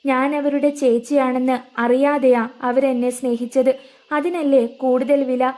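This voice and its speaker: ദുഃഖിതയായ ഒരു യുവതിയായി കഥ വായിക്കുന്ന ഒരു സ്ത്രീ. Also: female voice, sits high, flat delivery, unhurried, warm tone. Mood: sorrowful. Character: sorrowful young woman, gentle and selfless.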